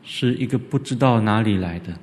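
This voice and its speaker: A man giving an animated church lecture on scripture, often leaping up in pitch for emphasis. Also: moderate pace, a little hiss or hum. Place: church hall. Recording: reverberant church hall.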